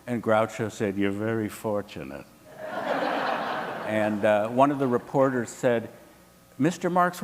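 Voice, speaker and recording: A man's voice: mid-range voice, long reverb tail, noisy background. A man telling an anecdote as a panelist at a live event, acting out the people he quotes. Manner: animated, quotes others in lively voices. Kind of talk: anecdotal storytelling. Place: hotel event room.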